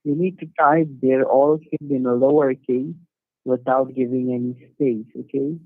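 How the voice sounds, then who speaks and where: A man's voice: mid-range voice, steady tone, measured pace, dry recording. Phone scammer guy, tinny dry line, keeps repeating himself. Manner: scripted, repeats questions insistently. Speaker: scam caller posing as tech support. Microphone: phone call.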